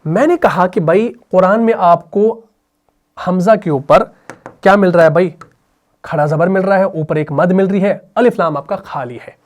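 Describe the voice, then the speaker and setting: A man with an Urdu accent teaching tajweed, explaining lively and often asking his students questions. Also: high voice. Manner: lively explaining, repeats questions to students, slow melodic recitation. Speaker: Quran recitation teacher. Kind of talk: tajweed lesson.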